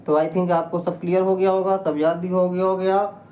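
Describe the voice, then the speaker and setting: A woman's voice: fairly low pitch, little pitch movement, normal speed, dull audio. A woman teaching English vocabulary in a patient lesson, spelling words out letter by letter and quizzing her listeners. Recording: echoey room with faint noise.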